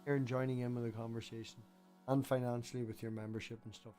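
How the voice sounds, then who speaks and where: A man's voice: mid-range voice, flat delivery, fast talker, mellow, faint music behind. A man hosting a casual livestream panel, blunt and sweary, often cutting in. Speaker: livestream host.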